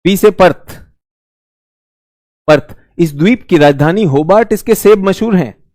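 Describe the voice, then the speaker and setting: A man teaching a lively, joking exam-prep lesson, now and then slipping into brief mock voices. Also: high voice, measured pace, dry recording, clean studio sound.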